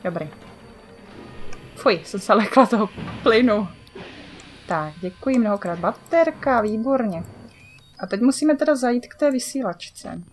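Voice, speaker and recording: A woman's voice: a little high, lively intonation, pauses often, soft background music. Chatty Czech woman gamer. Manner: chatty, swears at the game, mutters to herself. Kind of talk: casual let's-play commentary.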